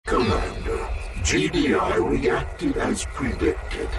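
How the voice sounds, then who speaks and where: In a video game cutscene, an actor voices a cold, calculating, imperious military AI, delivering formal, measured, menacing declarations. His male voice sounds close to an everyday one. The cutscene audio is very noisy and distant.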